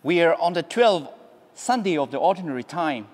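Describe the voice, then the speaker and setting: Higher-voiced priest preaching in echoing church. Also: male voice, expressive. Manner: deliberate, pausing between short phrases. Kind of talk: homily. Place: brick-walled church, at lectern. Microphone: gooseneck lectern microphone. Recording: long cathedral-like echo in church.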